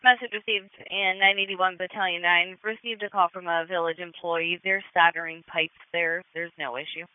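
A man's voice: high-pitched, fairly even intonation, moderate pace, few pauses, clear, resonant tone, no echo. A man working as an emergency dispatcher on ambulance radio, giving clipped procedural acknowledgements. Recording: narrowband two-way radio.

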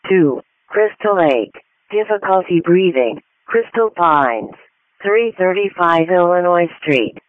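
A man's voice: high-pitched, animated, slow, no echo. A man making clipped emergency dispatch announcements over a narrowband police radio channel.

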